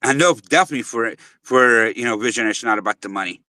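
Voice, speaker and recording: Bright-voiced earnest middle-aged man. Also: mid-range voice, very fast, no room sound. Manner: earnest, with frequent restarts and "you know" fillers. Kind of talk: casual chat on a live audio space.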